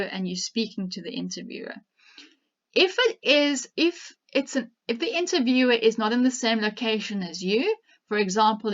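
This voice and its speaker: South African woman giving media training tips. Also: a little high. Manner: direct, instructive, with fillers and laughs. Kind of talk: presentation talk. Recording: dull lo-fi presentation recording.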